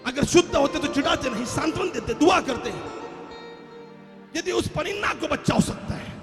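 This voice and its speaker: A man preaching a sermon, swinging between loud shouts and hushed, dramatic passages. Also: very high-pitched, animated, normal speed, creaky. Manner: preaching with sudden shouts and dramatic dips, mixing Hindi and English. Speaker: pastor. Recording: echoey hall with faint music.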